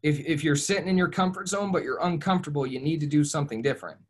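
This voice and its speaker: A young man from Ohio, USA, guests on a casual podcast, speaking a little high and at a quick pace. He tells his story earnestly and reflectively, often restarting and saying "you know."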